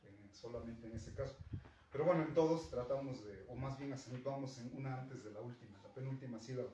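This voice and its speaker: A man's voice: mid-range voice, fairly quick, warm tone. Mexican male language teacher, patient classroom explainer, recorded from across an echoey room with faint hiss. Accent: Mexican Spanish. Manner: patient, checks in with "¿no?" and "¿sí?". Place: school classroom. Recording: echoey classroom, distant mic, faint noise.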